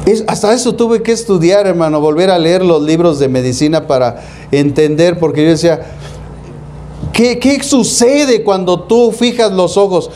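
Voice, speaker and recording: A Mexican-accented man preaches a sermon in a notably high voice. He keeps it folksy and colloquial, dropping street slang and turning to his listeners with questions. A faint hum of noise sits under him. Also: normal speed, warm tone. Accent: Mexican Spanish. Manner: rhetorical questions, calls the congregation "hermano". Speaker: pastor.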